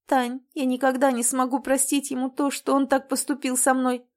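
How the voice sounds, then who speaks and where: A woman voicing an emotional young sister, pitched high. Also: flat delivery, moderate pace, natural voice. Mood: sad. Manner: emotional, exclaiming. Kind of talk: audiobook character voice.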